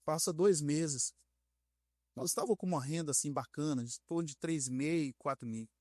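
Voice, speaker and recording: A man with a Brazilian Portuguese accent, a bishop guest on a podcast, telling a story in a frank, animated way and acting out the dialogue. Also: a little high, normal speed, dry recording, studio quality. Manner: animated, acts out dialogue in his stories; frank, direct speaker.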